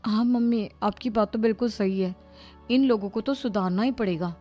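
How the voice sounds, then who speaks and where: A woman's voice: mid-range voice, normal speed, dark tone, faint music behind, close to an everyday voice. A woman voicing a fed-up young married daughter, earnest and complaining, in a comic family story.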